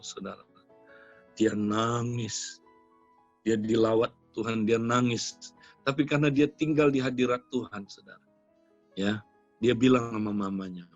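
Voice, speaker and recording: A man's voice: mid-range voice, dry recording. Older male preacher telling a story. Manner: storytelling preaching, constantly addressing listeners as "saudara". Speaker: pastor. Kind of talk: sermon. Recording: dry, dull sound with faint music behind.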